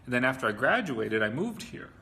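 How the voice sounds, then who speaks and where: A man's voice: mid-range voice, big pitch swings, brisk, gravelly, pushed and bright, a little hiss or hum. A man from the USA, speaking about his life abroad in an upbeat way, with frequent "um". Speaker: expat interviewee. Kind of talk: casual talk to camera.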